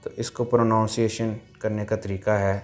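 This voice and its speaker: A man's voice: on the low side, level tone, soft background music. Patient man teaching a language lesson. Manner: patient, repeats each point several times; sounds out syllables slowly.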